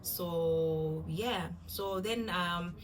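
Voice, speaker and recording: Speaking very slowly at a fairly low pitch, a woman in her thirties with a Zimbabwean accent introduces her cooking vlog, giggling and teasing herself. Soft music plays underneath, and the recording quality is rough.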